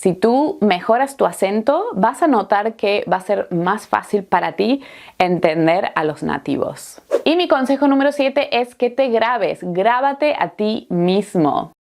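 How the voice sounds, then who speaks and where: An Argentine woman with an Argentine Spanish accent teaches a language lesson in a friendly, encouraging way. Her voice sits at an ordinary middle pitch, and she talks in a chatty, relaxed style. She often pauses on small fillers as she explains. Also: gravelly. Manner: chatty, encouraging, laughs easily, many "eh" fillers.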